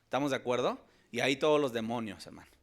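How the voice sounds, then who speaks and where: A male pastor preaching a sermon. He is emphatic and swings between loud and soft. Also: medium pitch, animated, fast.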